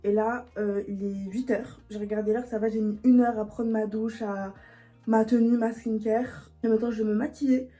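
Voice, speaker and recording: A woman's voice: fairly high pitch, flat delivery, moderate pace, warm tone. A woman, chatting casually as she vlogs. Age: late teens. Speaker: vlogger. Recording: muffled lo-fi sound, music behind.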